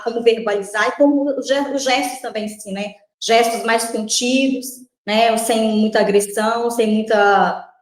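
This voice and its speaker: A woman from Brazil speaking as a guest trainer, quick and a little high-pitched. She builds her points in short stacked phrases, tagging many with "né", and the room around her rings with echo. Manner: measured, list-like explanations, frequent "né". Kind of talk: interview answers.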